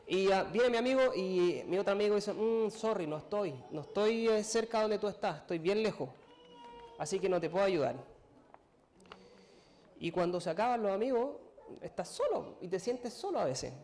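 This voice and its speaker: A man giving a sermon testimony, telling a personal story in a halting, emotional way and acting out what people said to him. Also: sits high, lively intonation, a little mellow. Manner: storytelling, acts out his own and others' words, emotional, halting. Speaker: preacher.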